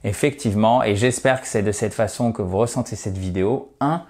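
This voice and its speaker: A man's voice: fairly low pitch, brisk, a little mellow. Male teacher, casual online lesson, chatty, reassuring, friendly asides. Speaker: English teacher.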